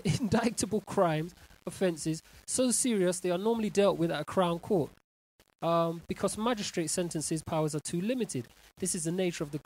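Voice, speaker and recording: A man's voice: high voice, low-quality recording. A man hosting his own talk show, reading newspaper stories aloud with stumbles and incredulous asides. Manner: animated, incredulous, stumbling over words. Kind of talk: reading and ranting about news stories.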